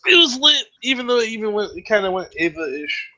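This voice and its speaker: A man's voice: high voice, very animated, a little fast, dull audio, a loud crowd. A man chatting casually on an online call in a slangy, sweary way. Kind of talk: casual chat. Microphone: internet group call.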